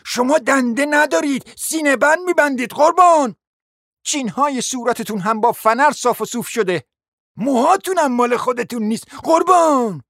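A reader voicing a quarrelsome provincial lady who shrieks high, shrill accusations, in a dry close recording. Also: fairly bright tone, dry recording. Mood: screeching.

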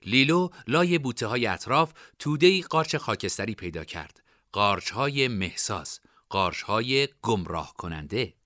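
A man narrating a scripted storybook in an expressive reading style. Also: mid-range voice, no room sound, clean studio sound.

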